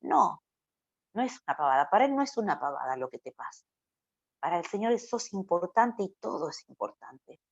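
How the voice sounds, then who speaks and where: A woman's voice: on the low side, big pitch swings, fairly quick, vocal fry, slightly rough. A woman with a Rioplatense accent preaching a conversational sermon, acting out quoted voices and tossing in rhetorical questions. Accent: Rioplatense Spanish. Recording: dull lo-fi recording.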